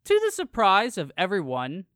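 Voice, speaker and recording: A man's voice: sits high, wildly swooping pitch, moderate pace, sharp tone, dry recording, studio quality. A man co-hosting a podcast, recapping an episode from a script with jokey asides. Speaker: podcast co-host. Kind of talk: casual recap chat.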